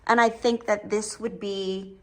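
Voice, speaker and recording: A woman's voice: medium pitch, flat delivery, a little slow, a bit bright. A woman casually narrating a home renovation tour as its host, gushing over the decor with emphatic adjectives.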